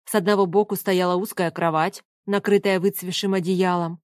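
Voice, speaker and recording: A woman reading a first-person story as an audiobook narrator, in an even storytelling manner. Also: fairly low pitch, normal speed, dry recording, clean studio sound.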